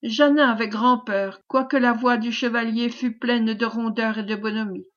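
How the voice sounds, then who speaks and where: A woman reading a novel aloud as audiobook narrator, in measured, even storytelling. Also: fairly high pitch, highs cut off. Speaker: audiobook reader.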